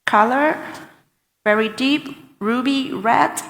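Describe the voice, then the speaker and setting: A woman giving a formal wine tasting assessment as a competition contestant, deliberate and hesitant, in short phrases with pauses. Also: on the high side, fairly bright tone. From Vietnam. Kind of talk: spoken wine tasting assessment before judges. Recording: echoey hall with long reverb.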